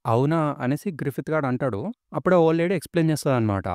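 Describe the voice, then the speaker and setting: A man's voice: on the high side, lively intonation, racing, a little mellow, clear, resonant tone, no echo, studio quality. Man casually retelling a manga. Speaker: manga storyteller.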